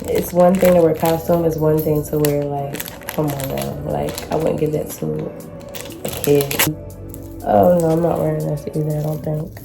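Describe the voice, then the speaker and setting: A woman's voice: deep voice, steady tone, moderate pace, creaky, music in the background, low-quality recording. A woman vlogger chatting casually through a shopping haul in an informal, slangy, rambling way.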